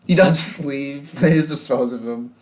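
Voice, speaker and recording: A man's voice: medium pitch, normal speed, a little mellow. A young man co-hosting a podcast, chatting casually about a movie with mock-serious, overblown praise. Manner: mock-serious, jokey overpraise. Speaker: podcast co-host. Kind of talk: casual movie-review chat.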